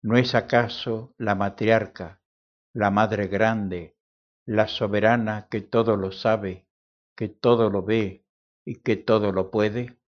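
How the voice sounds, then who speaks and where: A man giving a solemn, declamatory literary reading of a first-person monologue, with long pauses between phrases. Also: on the low side, steady tone. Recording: dull lo-fi sound.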